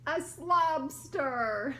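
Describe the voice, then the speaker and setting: A woman who directs children's ministries at a church reads a picture book to young children, playful and expressive, pitched high. She stretches out key words, teases with pauses, and stops to ask guessing questions.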